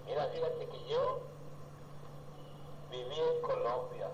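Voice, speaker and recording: An older man from El Salvador, recounting his life in a rambling, halting way and acting out dialogue. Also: medium pitch, highs cut off. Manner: rambling, halting with many restarts, acts out dialogue. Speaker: interviewee. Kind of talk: oral history storytelling. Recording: roomy with noticeable background noise.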